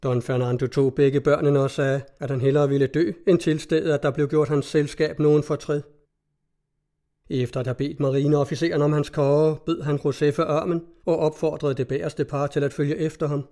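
A man reads classic prose aloud in a measured, formal storytelling manner. His voice is warm and mellow and sits a little high. The delivery is steady and deliberate. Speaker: narrator. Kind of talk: audiobook reading of classic prose.

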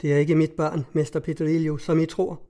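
A man's voice: a little high, flat delivery, warm tone, lightly acted. A man voicing a frightened young mother who speaks in a pleading manner.

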